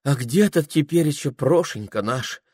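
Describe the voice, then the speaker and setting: A man voicing an anxious, pious middle-aged mother with a soft, plaintive manner. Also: on the high side, expressive, moderate pace, husky, no echo, studio quality, voice pushed up.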